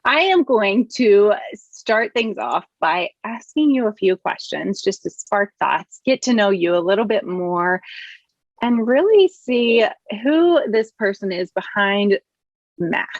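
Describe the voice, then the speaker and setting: A woman's voice: medium pitch, lively intonation, measured pace, no room sound, muffled recording. Upbeat woman hosting a podcast. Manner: earnest, upbeat, frequent laughs. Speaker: podcast host. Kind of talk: casual podcast interview.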